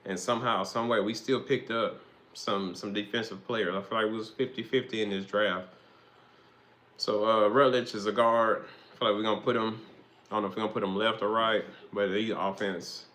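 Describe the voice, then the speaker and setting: A man's voice: fairly low pitch, steady tone, normal speed, fairly bright tone. A young man, hosting a casual, rambling football monologue with slang and swearing. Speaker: host.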